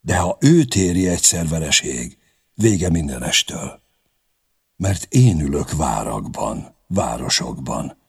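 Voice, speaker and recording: Man voicing a stern king, grave, deliberate, low, gravelly, husky. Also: very animated, darkish tone, exaggerated voice. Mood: resolute. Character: stern, measured young male king.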